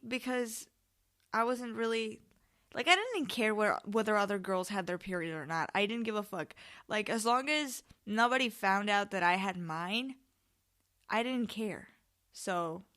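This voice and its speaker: A woman's voice: fairly high pitch, fairly bright tone. A woman hosting a podcast in a casual, chatty way, telling personal stories in informal, rambling, sweary monologue. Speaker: podcast host.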